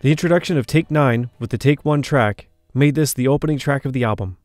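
A man's voice: mid-range voice, fairly quick, darkish tone, no echo, studio quality, faint music behind. A man reading a scripted documentary narration, shifting his emphasis from phrase to phrase.

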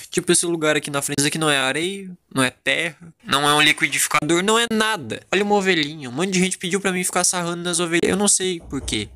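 A man's voice: on the high side, bright, forceful tone. Gaúcho guy from home, crude jokey Let's Play commentator, jittery. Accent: southern Brazilian, Rio Grande do Sul. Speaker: gaming YouTuber.

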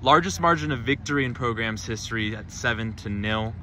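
A man's voice: medium pitch, brisk, bright, forceful tone, slight background noise. A man interviewing players after a game on an outdoor field at night, asking long, rambling questions with many restarts. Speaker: sideline interviewer.

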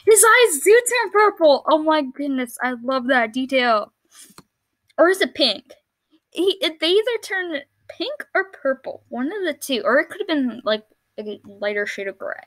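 A woman giving excitable, chatty let's play commentary while reacting to a rhythm game. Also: high voice, unhurried. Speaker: gamer.

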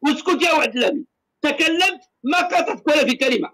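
Man with a very high, bright voice, quick agitated debate caller, insistent. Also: expressive, low-quality recording. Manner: agitated, insistent, talks over the other side. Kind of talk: heated phone-in religious debate.

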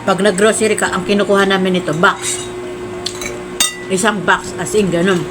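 A woman's voice: medium pitch, fairly even intonation, moderate pace. A Filipino woman hosting a casual food vlog, chatting as she eats and humming over bites. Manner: talks while eating, with savoring hums. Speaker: mukbang host. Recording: noisy room with clattering dishes.

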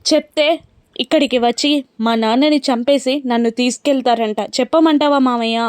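A woman's voice: high-pitched, moderate pace, clear, resonant tone, no echo, lightly acted. A woman voicing a tearful young woman speaking on the phone. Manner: tearful, pleading.

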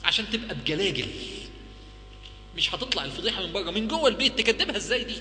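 A man with an Egyptian accent preaching to a live audience, firing off rhetorical questions in an animated way. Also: high voice, rapid-fire. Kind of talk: religious talk to a live audience. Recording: echoey hall with faint hum.

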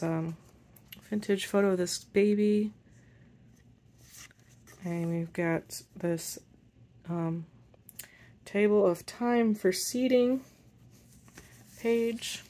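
A woman walking through her handmade journal page by page in a casual show-and-tell, unhurried and pausing as she handles the pages. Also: lowish voice, warm tone. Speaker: journal maker and shop seller.

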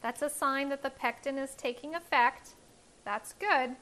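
High-pitched and a bit bright, her voice moves at a measured pace. The woman, in her thirties, presents a cooking demonstration on her home cooking show from her kitchen, wearing a lapel mic and explaining each step in a warm, instructive way.

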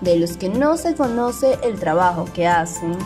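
A woman's voice: fairly low pitch, expressive, a little slow, warm tone. Woman reading news over music. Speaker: news narrator. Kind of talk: scripted news narration.

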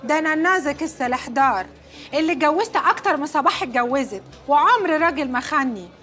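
A woman's voice: high voice, expressive, fast talker, a bit bright, faint music behind. An actress playing a proud Egyptian wife who scolds her husband indignantly for betraying her. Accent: Egyptian Arabic. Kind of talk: comedy film acting.

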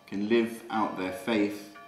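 A man on the school staff, explaining the school for a promotional film in a measured, earnest way. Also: lowish voice, level tone, over loud music. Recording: roomy echo.

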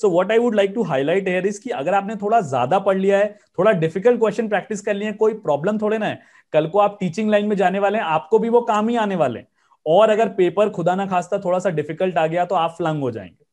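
High-voiced male exam coach. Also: a little fast, a little mellow. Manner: explanatory, earnest teaching tone. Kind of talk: interview in Hindi mixed with English.

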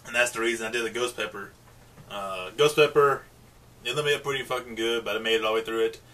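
A man's voice: medium pitch, fast, bright, forceful tone. A young man giving casual, sweary reaction commentary as a video host. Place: small bedroom indoors. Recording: distant mic, faint noise.

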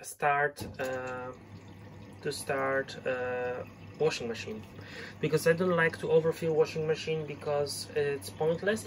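A laundry vlogger, a man with a voice on the high side, narrates casually while doing laundry in his home laundry area. He is slow, unhurried and hesitant in a chatty, explaining way, with slight background noise.

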